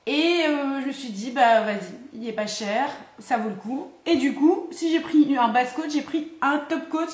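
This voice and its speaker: A young woman chatting casually to camera about her beauty purchases, rambling and laughing at herself with lots of fillers. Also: high-pitched. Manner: chatty, rambling, self-mocking with frequent fillers. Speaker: beauty vlogger. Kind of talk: casual haul chat to camera. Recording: echoey room.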